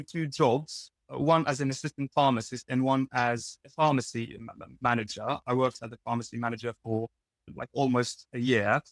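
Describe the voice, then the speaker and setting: Here a young Lebanese man whose first language is Arabic is interviewed casually as a guest; he works as a pharmacist. He speaks candidly with a mid-range, slightly bright voice, frequently correcting and restarting himself. There's no room sound.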